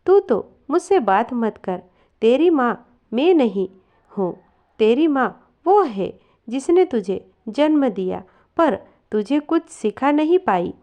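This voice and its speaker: A woman's voice: high-pitched, big pitch swings, slow pace, a little mellow, exaggerated voice. Stubborn scolding older mother-in-law, read by a woman. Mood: angry, stubborn. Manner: scolding, curt.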